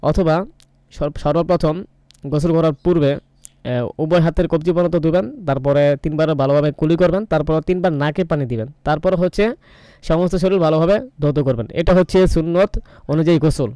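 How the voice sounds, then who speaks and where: A man calmly explaining a religious cleansing ritual step by step, pausing often with fillers and reciting short Arabic phrases. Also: on the high side, clear, resonant tone, no echo. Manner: unhurried, hesitant, many fillers, Arabic recitations. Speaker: ruqyah healer explaining a ritual. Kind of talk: instructional explanation.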